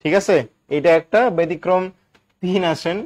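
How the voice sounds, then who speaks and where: A man's voice: high-pitched, steady tone, moderate pace, a little mellow. A man teaching English grammar in a live online class, chatty and quizzing his students with constant questions.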